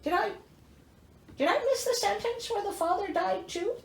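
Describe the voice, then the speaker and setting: Very high-pitched and gravelly, the woman's voice moves at a moderate pace as she performs a fairy tale and mocks it with incredulous comic remarks. The sound is roomy and echoey.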